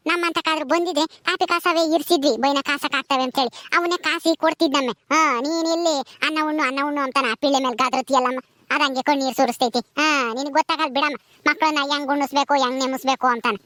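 A woman playing an older village woman, gently coaxing a crying child and chiding its mother. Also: sits high, steady tone, quick pace, no room sound, studio quality. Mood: reproachful. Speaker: actor in a village drama. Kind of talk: village skit acting.

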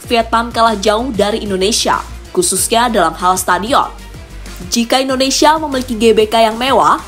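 Female news narrator, a bit high-pitched, even scripted read, faint music bed. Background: background music.

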